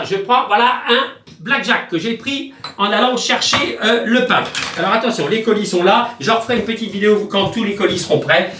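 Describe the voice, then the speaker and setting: A man's voice: high-pitched, sharp tone, echoey room, recorded from a distance. A man chatting in a rambling, joking home video, with crude asides and chanted nonsense magic words. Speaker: video host.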